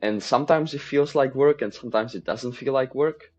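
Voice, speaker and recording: This podcast guest, a Czech mindset coach in his twenties, talks in a brisk, mid-range voice and laughs often during a relaxed interview chat. Soft music plays behind him, and the lo-fi audio is a little dull.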